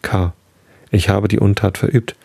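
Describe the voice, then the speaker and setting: A dejected old bull elk from a storybook speaks quietly and heavily, as a man reads him out. The voice is very low and gravelly, with a dark, husky tone. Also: steady tone, measured pace, no echo, heavily acted. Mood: downcast. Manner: subdued, heavy-hearted speech.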